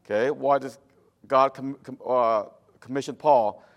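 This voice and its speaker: A man from Cambodia, a native Khmer speaker, preaching a church sermon in halting English with a Cambodian accent. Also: medium pitch, steady tone. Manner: halting, with nonstandard English phrasing. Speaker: missionary guest preacher.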